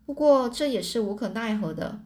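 A woman's voice: a little high, animated, moderate pace, dark tone. A woman reading a translated novel aloud in a plain storytelling manner, often stumbling and correcting herself. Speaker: storybook reader.

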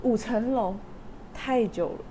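A young woman co-hosting a podcast, telling a story in casual chat with animated delivery and lots of laughter. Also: a little high, unhurried, slight background noise. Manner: animated, laughing, acts out voices in quotes. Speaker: podcast co-host.

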